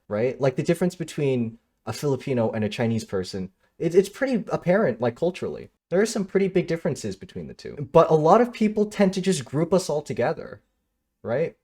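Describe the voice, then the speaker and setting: Frank, animated streamer guy. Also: on the high side, brisk, slightly rough. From Michigan, United States. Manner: candid, frustrated, swears casually, answers chat. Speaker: livestreamer. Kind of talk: casual livestream talk to chat.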